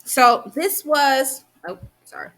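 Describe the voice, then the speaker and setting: A young woman venting heatedly to the camera, swearing often and rushing through run-on sentences with frequent restarts. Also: sits high, big pitch swings, vocal fry, sharp tone. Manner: heated and profane, rapid run-on talk with restarts. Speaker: vlogger. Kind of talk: angry venting monologue.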